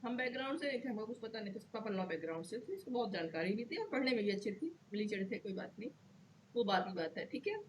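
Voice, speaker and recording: Woman law tutor, fairly high voice, patient step-by-step lecture, keeps checking "okay". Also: expressive, fast, a little hiss or hum. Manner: checks in often with "okay", repeats key terms. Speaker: law teacher. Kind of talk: explanatory lecture to students.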